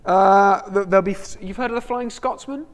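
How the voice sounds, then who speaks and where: A man co-hosting a casual live stream, jokey and animated, reading out viewer comments. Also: sits high, fairly quick. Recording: long hall reverb.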